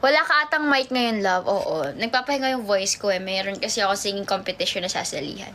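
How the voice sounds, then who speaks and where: A woman's voice: medium pitch, fairly quick, a bit bright, slight background noise. A young woman idol chatting casually on a phone livestream from home, reading viewer comments aloud and mixing two languages. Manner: chatty, switches between Tagalog and English, reads viewer comments aloud.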